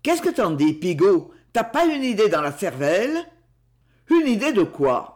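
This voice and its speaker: A man voicing a blunt, suspicious rough man who talks in a gruff, familiar, sly way. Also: high voice, big pitch swings, unhurried.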